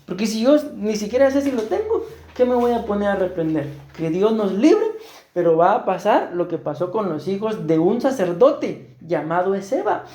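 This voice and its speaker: Costa Rican male pastor, mellow tone, preaching with roomy church echo. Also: sits high, expressive, normal speed. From Costa Rica. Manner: earnest, asks the congregation rhetorical questions. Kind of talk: sermon. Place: church hall.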